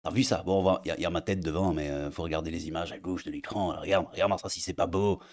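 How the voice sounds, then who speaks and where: Talking fast in a low-pitched voice with fairly even intonation, a young Belgian man with a Belgian French accent streams a casual rant to camera. He's mocking and crude toward his audience, filling his speech with fillers, and is recorded on a desk mic at his editing setup.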